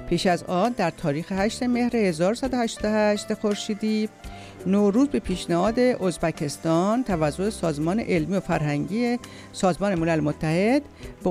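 A man reading an informational script aloud at a steady pace, with an occasional slip. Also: high voice. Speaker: narrator. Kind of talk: read-aloud informational narration.

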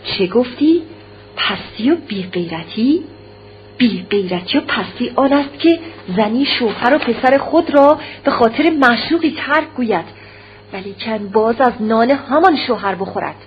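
A woman's voice: on the high side, lively intonation, natural voice. A woman voicing a stern, cold-hearted older husband who speaks harshly and with contempt. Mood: commanding. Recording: dull lo-fi recording with faint hum.

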